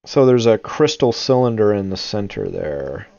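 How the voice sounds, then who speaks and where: A man's voice: on the low side, huge pitch swings, moderate pace, gravelly, a little mellow, no echo, lo-fi sound. A man narrating a tabletop game casually as game master.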